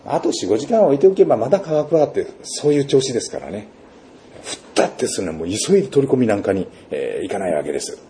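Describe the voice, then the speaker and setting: A man's voice: medium pitch, big pitch swings, fast talker, warm tone, slight background noise. A man, a pastor, giving a sermon in a storytelling manner, with rhetorical questions and vivid sound words.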